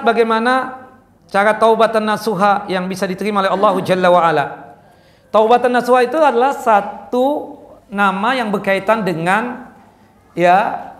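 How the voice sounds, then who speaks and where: A man's voice: high-pitched, roomy sound. A man preaching casually in a mosque, answering questions and often checking whether the audience understood. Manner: conversational, asks the audience "jelas?" often.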